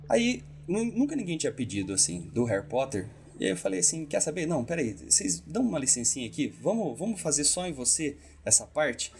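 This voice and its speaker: A man telling stories as a hypnotherapist guest in a casual podcast talk, acting out the voices he quotes. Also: lowish voice. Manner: animated, acts out the voices he quotes.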